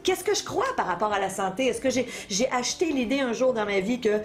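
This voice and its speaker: A woman's voice: on the high side, animated, brisk. Quebec French woman, conversational motivational speaker. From Quebec, Canada. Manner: didactic, addresses listeners with questions and examples. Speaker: interview guest, motivational speaker and author. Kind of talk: conversational explanation of self-help ideas.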